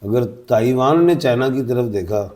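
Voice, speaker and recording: A man's voice: mid-range voice, crowd noise. A man with a Pakistani Urdu accent, an astrologer answering interview questions in an emphatic, declaring way. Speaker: astrologer guest.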